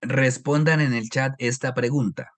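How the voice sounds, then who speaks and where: A man from Colombia with a highland Colombian accent teaches an online course from his slides. He explains each point patiently, often pausing to ask his students rhetorical questions and check that they follow. His voice comes through a computer microphone on a video call. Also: steady tone. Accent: Colombian highland Spanish. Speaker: Bible course lecturer.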